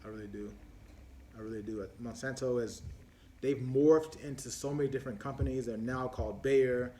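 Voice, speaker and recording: A man's voice: medium pitch, fairly even intonation, moderate pace, dark tone, a little hiss or hum. A man hosting a casual live-stream Q&A on his phone, rambling with many fillers and restarts as he answers viewer questions one by one.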